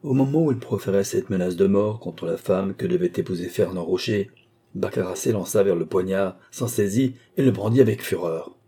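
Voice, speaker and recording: A man reads a classic novel aloud in a measured, literary way. His voice is very low, dark and husky, and he keeps the narration steady. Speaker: audiobook narrator. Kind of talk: scripted narration.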